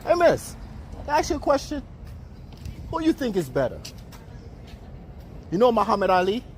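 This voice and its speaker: A man's voice: very high voice, huge pitch swings, moderate pace, a little hiss or hum. A man filming casual street interviews on a handheld phone, talking in chatty street slang, out on city streets and in a car. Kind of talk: casual street vox pop.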